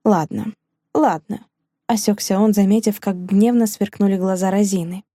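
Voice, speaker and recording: A woman narrates an audiobook from a script, telling the story in a calm, measured voice of medium pitch. The studio sound is clean with no echo.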